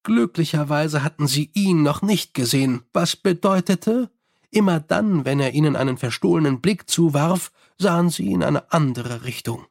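A man narrating a comic fantasy audiobook in a measured, wry storytelling manner. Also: on the high side, animated, gravelly. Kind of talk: scripted narration.

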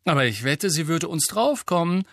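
A man's voice: on the high side, expressive, normal speed, a bit bright, dry recording, pitched above the performer's own voice. A man voicing a mischievous teenage prankster who talks slyly out of the side of his mouth, in an audiobook.

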